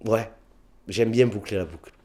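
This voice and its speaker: A man with a southern French accent, speaking at a normal speed in a fairly low voice, tells anecdotes in a casual interview. He's a comedian, and he acts out snippets of dialogue with lots of fillers, keeping the stories animated.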